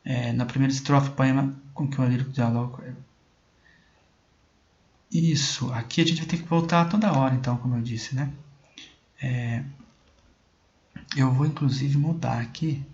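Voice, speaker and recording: A man's voice: medium pitch, darkish tone. A male teacher explaining a poem in an online class, in a chatty way that often checks in with the students and repeats words while he thinks. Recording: dull lo-fi recording with faint noise.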